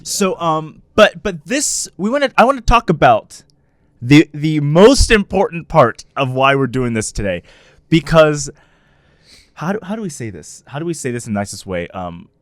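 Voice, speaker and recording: A man hosting a casual podcast, talking loudly with lots of laughter and filler words. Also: on the high side, normal speed, dry recording. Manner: loud, animated, laughs often, many fillers. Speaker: podcast host.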